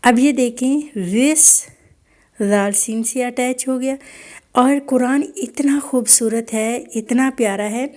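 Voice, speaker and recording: A woman teaching Quran recitation online, explaining each sound patiently and modelling words slowly again and again. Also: a little high, a little mellow. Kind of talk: online tajweed lesson.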